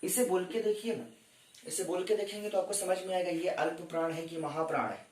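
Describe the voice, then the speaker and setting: A man's voice: high-pitched, fairly even intonation, a little fast, a little mellow, reverberant, far from the mic. A man teaching an exam-prep grammar lecture, addressing his students respectfully as he explains step by step. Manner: addresses students as "sarkar", counts down for screenshots.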